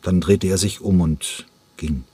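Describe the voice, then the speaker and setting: A man reading an audiobook in a measured storytelling manner. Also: low-pitched, steady tone, warm tone, husky, no room sound. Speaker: audiobook narrator. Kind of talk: scripted narration.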